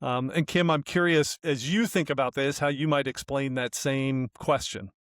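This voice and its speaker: A man's voice: mid-range voice, normal speed, no echo, studio quality. Conversational man co-hosting a podcast. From US West Coast. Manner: relaxed, thinks aloud with fillers and restarts. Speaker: podcast co-host. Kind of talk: casual conversational podcast talk.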